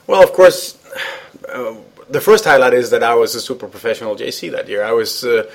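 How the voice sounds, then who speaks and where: A Danish man who used to head an international organization is a guest in a conversational interview, speaking English. His medium-pitched voice is brisk and lively in intonation, with some vocal fry, and he's hesitant, often using fillers and starting over.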